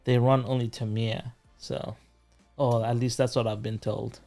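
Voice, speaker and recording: A man's voice: mid-range voice, level tone, a little slow, vocal fry, mellow, soft background music. A man hosting a casual livestream chat, rambling with plenty of fillers and restarts. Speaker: host.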